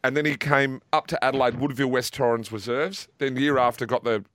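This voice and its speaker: A man's voice: medium pitch, steady tone, fairly quick, fairly bright tone, no echo, clean studio sound. An Australian man co-hosting radio, telling chatty anecdotes in casual banter. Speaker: radio co-host.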